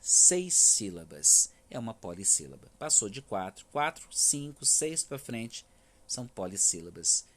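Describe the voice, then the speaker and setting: A man's voice: lowish voice, animated, moderate pace, fairly bright tone. A male primary school teacher with a Brazilian Federal District accent, giving a remote class and patiently checking in with his students after each point. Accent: Brazilian Portuguese, Federal District. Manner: patient, stresses words syllable by syllable, frequent "tá?" checks.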